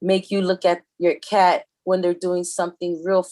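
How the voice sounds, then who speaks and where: A woman's voice: lowish voice, completely flat delivery, normal speed, a little mellow, no echo. A woman co-hosting a casual spiritual talk show, emphatic and given to repeating her points. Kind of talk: casual chat, live reading session.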